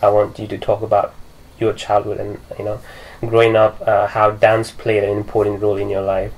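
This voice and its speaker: Low-voiced young male podcast host. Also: completely flat delivery, a little fast, low-quality recording. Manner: attentive, frequent "mm" backchannels. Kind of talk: interview questions. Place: living room with leather sofas.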